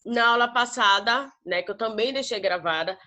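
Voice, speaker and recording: A woman's voice: a little high, normal speed, pushed and bright. A woman from Brazil teaching an English grammar lesson in Portuguese, explaining patiently and checking in with the students after nearly every step. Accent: northern Brazilian Portuguese. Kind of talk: recorded classroom lesson.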